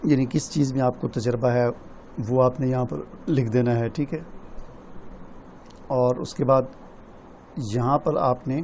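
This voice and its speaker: Man explaining slowly, step by step. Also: medium pitch, fairly even intonation, darkish tone, a little hiss or hum. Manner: explains step by step, often adds "theek hai?". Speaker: tutorial presenter. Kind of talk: screen-recorded walkthrough.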